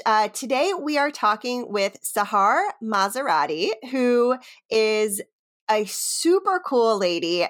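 A woman hosting a podcast, friendly and filling pauses with ums as she introduces and chats. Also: mid-range voice, a bit bright. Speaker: podcast host. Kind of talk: podcast intro and casual interview.

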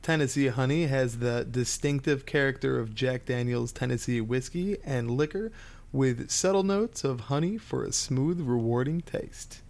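A man's voice: mid-range voice, moderate pace, creaky, darkish tone. A man hosting a podcast, telling stories in a casual, folksy way and drawing out the suspense. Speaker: podcast host. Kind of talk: casual conversational storytelling.

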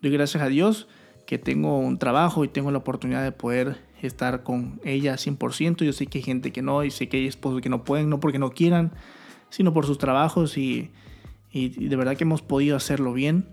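A man's voice: mid-range voice, steady tone, a little fast, creaky, a little mellow. A young man, a new father, talking earnestly and candidly to his viewers in a casual vlog. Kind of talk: casual vlog talk to camera.

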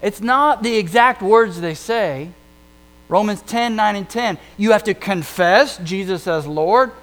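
Animated high-voiced male pastor preaching. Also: rough recording. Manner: conversational, animated, rhetorical questions. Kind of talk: sermon.

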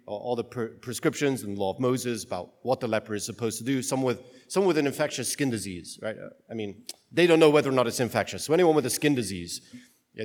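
Priest, mid-pitched man, casual joking preacher, long church echo. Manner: casual, joking, thinks aloud with restarts. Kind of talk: gospel reading and homily.

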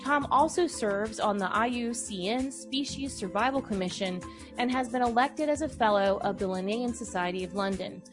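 A woman hosting an interview show, reading a smooth scripted introduction and then chatting loosely with fillers. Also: on the high side, normal speed, over music. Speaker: podcast host.

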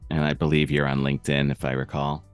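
Male podcast host, very deep pitch, casual and enthusiastically affirming. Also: completely flat delivery, quick pace, clean tone, faint music behind. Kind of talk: casual podcast interview chat.

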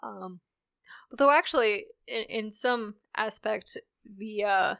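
Animated woman guest with a dry close sound. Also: mid-range voice, creaky, dry recording. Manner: animated, laughs often, quick asides. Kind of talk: casual podcast chat.

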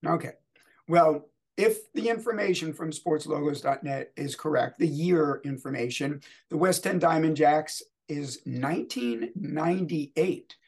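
A middle-aged man with a New York accent hosts a quiz segment in casual podcast chat, talking in a deliberate, discursive way. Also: fairly high pitch, slightly rough.

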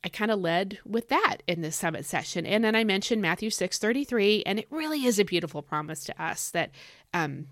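A woman's voice: mid-range voice, animated, a little fast, dry recording, studio quality. A woman giving an informal devotional talk, exhorting listeners in an emphatic, conversational way and repeating key phrases.

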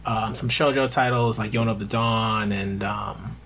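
A man's voice: on the low side, steady tone, moderate pace, creaky, a bit bright, a little hiss or hum. A man guesting on a podcast as a manga YouTuber, talking casually and rambling with many "um"s. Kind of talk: casual interview chat.

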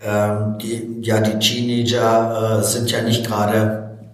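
A Russian-speaking man in his forties from Baku, Azerbaijan, talks slowly in a fairly low, monotone voice. As a motivational coach in an interview, he earnestly tells his personal story with frequent hesitations, heard from a distance in a very echoey room.

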